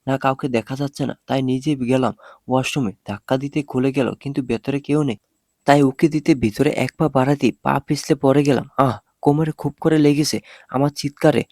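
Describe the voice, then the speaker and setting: A man narrating a first-person romance story with an expressive, dramatic reading. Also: medium pitch, brisk, no echo, studio quality.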